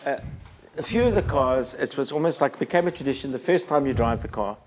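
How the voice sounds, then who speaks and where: A man's voice: mid-range voice, expressive, brisk, slight background noise. A man, a podcast guest telling long, rambling stories with many ums and restarts. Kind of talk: casual storytelling chat.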